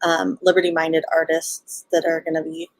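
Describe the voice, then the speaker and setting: Bubbly Valley Girl woman, lowish voice. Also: monotone, moderate pace, dry recording, poor audio. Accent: Californian Valley Girl. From Los Angeles, United States. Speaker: podcast guest, show co-founder and event organizer. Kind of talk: casual live interview chat.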